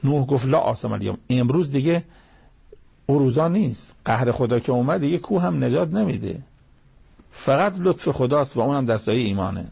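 Gravelly, husky-voiced male preacher. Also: mid-range voice, animated, a little mellow. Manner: recites Arabic verses and tells moral anecdotes. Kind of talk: sermon with Quran commentary.

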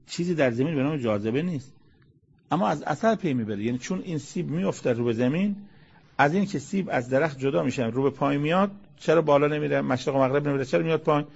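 A man's voice: a little high, creaky, darkish tone, breathy edge, dull audio. A man lecturing on Quran verses in a conversational sermon style, asking rhetorical questions and reciting Arabic verses before explaining them.

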